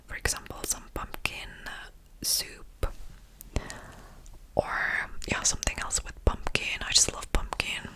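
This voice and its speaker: A woman whispering a casual, meandering ASMR ramble in a crisp, breathy voice, very close to the microphone. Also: slow, sharp tone, rough recording. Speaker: ASMR creator. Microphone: close-up ear-to-ear stereo microphone.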